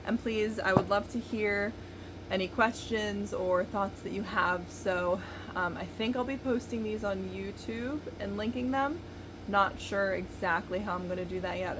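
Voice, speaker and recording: A woman's voice: medium pitch, normal speed, noisy background. A woman in her thirties giving a casual, chatty painting tutorial from a basement, recorded far from the mic without a proper microphone. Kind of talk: casual hands-on tutorial talk. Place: basement studio, indoors. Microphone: no external microphone, camera at a distance.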